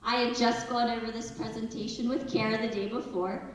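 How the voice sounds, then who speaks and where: A woman's voice: on the high side, level tone, fairly quick. Earnest woman presenter in an echoey hall. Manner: earnest, conversational, acts out family dialogue. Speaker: school presenter. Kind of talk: parent workshop talk. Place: school auditorium. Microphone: far from the recording device. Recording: echoey hall, distant mic.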